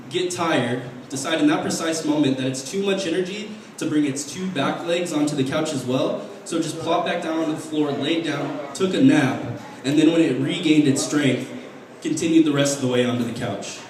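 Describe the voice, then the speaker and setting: A young man performing an open mic stand-up set, deadpan and halting, with restarts and fillers. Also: on the high side, a little hiss or hum. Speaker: stand-up comedian. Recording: very echoey room heard from a distance.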